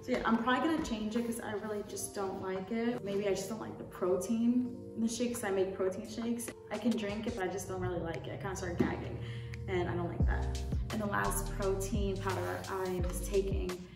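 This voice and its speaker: A young lifestyle YouTuber talks casually to camera about a product haul, rambling a little. Her mid-range voice stays steady and moves at a brisk clip. She's recorded indoors on a distant mic, so the audio has a roomy echo, plus music underneath.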